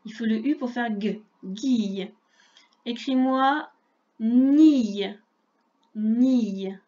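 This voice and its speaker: A woman teaching a reading lesson to young children, speaking slowly and clearly and spelling out sounds patiently. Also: on the high side, darkish tone, muffled recording. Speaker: primary school teacher.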